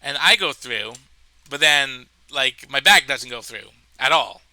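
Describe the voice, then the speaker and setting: A man with a stuffed-up nose telling a comedic personal story in a rambling, animated way, full of fillers and restarts. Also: medium pitch, a little slow, dry recording, low-quality recording.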